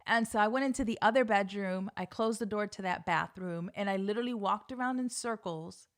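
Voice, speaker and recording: A woman's voice: medium pitch, a little fast. A middle-aged woman hosting a podcast, telling a story casually and animatedly, often laughing and swearing. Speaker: podcast host.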